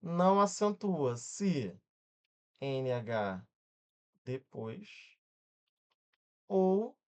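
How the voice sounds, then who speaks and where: A man with a Brazilian Portuguese accent, his voice smooth and on the high side, energetically teaches exam-prep grammar, spelling words by syllable and checking in with quick questions. The highs are cut off in the recording.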